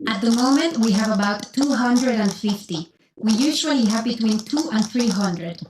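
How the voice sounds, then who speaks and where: A woman voicing an interviewed orphanage founder on a textbook listening track, her voice slightly high. She gives even, carefully read answers. A faint hiss of noise sits behind her. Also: moderate pace, close to an everyday voice. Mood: calm. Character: warm-spoken female orphanage founder. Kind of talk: scripted course-audio interview.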